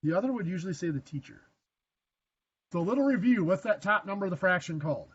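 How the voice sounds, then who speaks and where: A man with a rather high voice teaches a math class, quizzing the students and slipping in dry, self-mocking jokes. The classroom recording sounds a little dull and lo-fi. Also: animated, fast talker, husky. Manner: dry joking asides, self-deprecating; asks the class questions. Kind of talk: classroom lecture.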